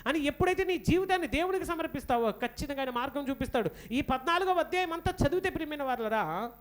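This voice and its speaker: A man preaching a sermon with a Telugu accent, animated, often asking and answering his own questions. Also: very high-pitched, fast talker.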